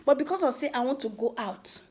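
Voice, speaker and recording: A woman's voice: high-pitched, animated, brisk, darkish tone, breathy edge. A woman with a Nigerian accent speaks Nigerian Pidgin in an informal, emphatic rant to viewers, teasing and repeating words for effect. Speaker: vlogger giving social commentary.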